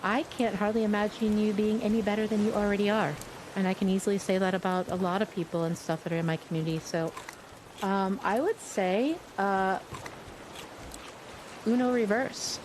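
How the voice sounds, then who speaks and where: A woman's voice: mid-range voice, moderate pace. A woman live streaming a game, chatting casually and effusively with her viewers and swearing freely. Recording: steady noisy ambience behind voice.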